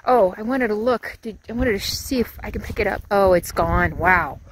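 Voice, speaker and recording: Holding her phone camera at arm's length, this RV travel vlogger, a woman in her fifties, talks casually and coos sweetly to her dog. Her medium-pitched voice moves at normal speed. The low-quality recording has slight background noise and shifts from the windy high desert outside to the interior of her RV.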